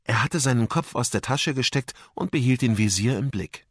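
Husky, lively male storyteller. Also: medium pitch, moderate pace, no room sound, clean studio sound. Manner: expressive storytelling. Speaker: narrator. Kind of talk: children's audiobook narration.

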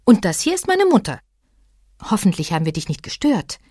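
A woman voicing a young boy troll from a storybook, higher and eager, trying to sound brave. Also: big pitch swings, fairly quick, mellow, husky, dry recording, clean studio sound. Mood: polite.

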